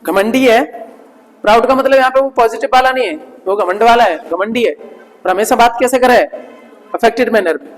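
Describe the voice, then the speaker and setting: A teacher with a very high voice runs a vocabulary lesson for students preparing for job exams, slowly repeating key words. He keeps pausing to ask "ठीक है ना?" to make sure the class is following, and his voice rings with a long hall reverb.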